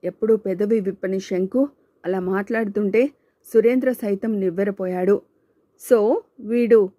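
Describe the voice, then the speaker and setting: A woman's voice: medium pitch, fairly even intonation, normal speed, mellow, no room sound. Woman narrating a story dramatically. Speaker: audiobook narrator. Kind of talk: scripted narration.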